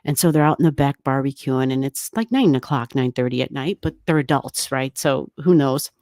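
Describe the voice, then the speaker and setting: A woman hosts an astrology livestream from a home room that isn't soundproofed, chatting casually with viewers, rambling and laughing often. Her very deep, slightly mellow voice moves a little fast. She uses a desk microphone turned down halfway, and the recording is dry and clean, with studio sound.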